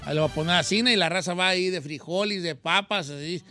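Brief: high, bright male radio host, playful and slangy. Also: fast, faint music behind. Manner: playful, slangy, mock-dramatic. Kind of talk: comedic radio banter.

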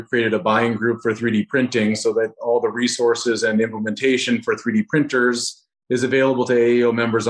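A man speaking casually as an interview guest on a podcast. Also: fairly low pitch. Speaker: podcast guest, dental professional.

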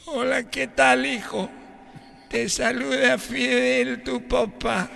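A man voicing a stern ghostly father figure, speaking slowly and commandingly. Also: very high-pitched, little pitch movement, pushed and bright, faint music behind, pitched above the performer's own voice, heavily acted. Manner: slow, gravelly and commanding.

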